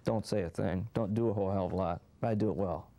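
A man joking in a wry, deadpan way during a casual interview. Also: low-pitched, fast, no room sound.

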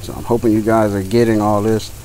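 A man with a fairly low voice talks casually to his viewers outdoors. His delivery is folksy and unhurried, circling back over phrases. A little background noise sits behind him. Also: mellow, poor audio. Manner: folksy, addresses viewers as y'all and guys. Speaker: barbecue vlogger. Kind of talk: casual chat while grilling. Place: outdoors beside a backyard grill. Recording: outdoor noise with faint sizzle.

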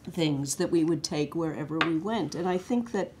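Low-voiced woman recalling family. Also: normal speed, noisy background. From the Bronx, New York. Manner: warm personal recollection, laughs easily. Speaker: guest discussing a poem. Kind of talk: conversational literary discussion. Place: studio set, indoors.

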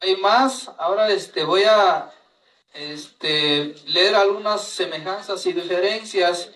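A man giving a language lesson, spelling out words slowly, each followed by its translation. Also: sits high, pushed and bright, echoey room, far from the mic, poor audio. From Mexico. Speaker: teacher of Mixtec.

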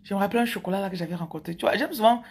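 A woman's voice: mid-range voice, rapid-fire, darkish tone, a little hiss or hum. A woman, talking playfully and chattily to her viewers as a spiritual coach. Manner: playful, chatty, teasing asides. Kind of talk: casual monologue to viewers.

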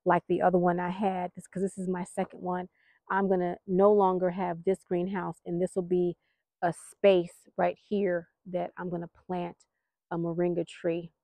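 This gardening vlogger, an American woman, speaks at a normal speed in a fairly low, mellow voice with a level tone. She films around her backyard garden for a casual, rambling update that's chatty, folksy and a little apologetic. No echo is present.

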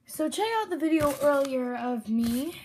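A young woman hosting a casual toy unboxing, chatting in an excitable, gushing way and often repeating herself. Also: high-pitched, a little slow. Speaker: host of a toy unboxing channel. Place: indoors, close over a tabletop toy set. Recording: noisy, clicky home camera recording.

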